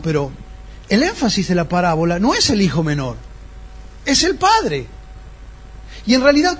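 A man's voice: high voice, slightly rough. A man preaching a sermon as pastor, explaining a text and putting rhetorical questions to his congregation.

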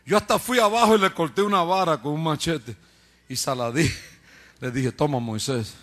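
Bright-voiced man telling a joking testimony. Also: a little high, normal speed, slight background noise. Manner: acts out quoted voices, jokes and laughs at himself. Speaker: preacher giving his testimony. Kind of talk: humorous testimony storytelling.

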